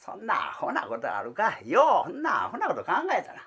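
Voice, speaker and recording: A man's voice: high voice, wildly swooping pitch, a little fast, sharp tone, husky, pitched above the performer's own voice, heavily acted. A man voicing an exasperated, fatherly older neighbour who scolds and advises in a Kansai accent, in rakugo storytelling. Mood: exasperated advising.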